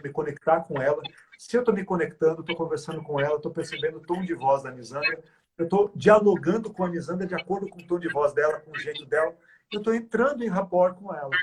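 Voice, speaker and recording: A man's voice: a little high, a little hiss or hum. A man speaking as a guest on a live chat, explaining in a didactic way, listing examples and asking rhetorical questions.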